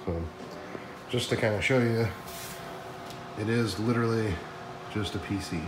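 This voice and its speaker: A man in his thirties walking through his print shop, chatting excitedly as he explains a new machine to his viewers. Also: lowish voice, measured pace. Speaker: print shop owner and vlogger. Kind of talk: casual walkthrough vlog. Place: large echoey print shop room with concrete floor. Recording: echoey room with music over it. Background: background music.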